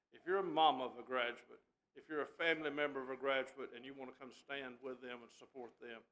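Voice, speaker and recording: A man's voice: medium pitch, a bit bright, rough recording. A man serving as judge, leading a graduation ceremony with hearty, joking announcements to a crowd in a large room. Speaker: judge presiding over a drug court graduation. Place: large room with an audience and a balcony.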